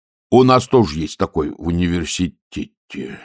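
A man's voice: low-pitched, lively intonation, normal speed, dry recording, studio quality. A man voicing a nervous, dim middle-aged sergeant who blurts things out. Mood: anxious. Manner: anxious, blurting.

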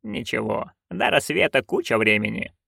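A male reader voicing a proud, stern old witch woman who speaks low and clipped. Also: big pitch swings, unhurried, vocal fry, a bit bright, no echo, studio quality, full character voice.

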